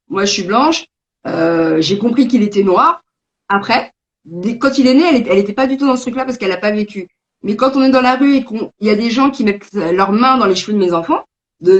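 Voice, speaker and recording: On a video call, a game creator who was born in Belgium and grew up in France chats casually, talkative and reflective but full of hesitations. Her mid-range voice is expressive and fast, and the recording sounds muffled.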